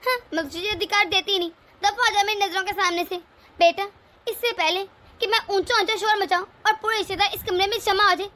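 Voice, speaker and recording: A woman's voice: very high voice, pushed and bright. A woman voicing a bossy, stingy elderly mother-in-law in a cartoon story, scolding and melodramatic. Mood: unforgiving. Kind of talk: cartoon voice acting.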